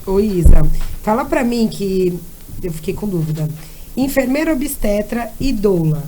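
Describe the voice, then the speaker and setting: A woman co-hosting a casual chat who jokes and teases with quick interjections. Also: mid-range voice, animated, noisy background. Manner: joking, teasing interjections.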